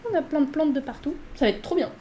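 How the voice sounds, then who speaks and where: A woman's voice: high voice, quick pace, mellow, a little hiss or hum. A woman hosting a casual life-sim let's play, chatting away and talking to her character as she plays. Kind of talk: casual gameplay commentary.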